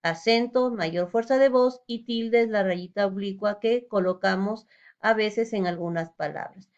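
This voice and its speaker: A woman's voice: medium pitch, unhurried, dull audio. A woman teacher giving a recorded lesson, explaining step by step and asking rhetorical questions.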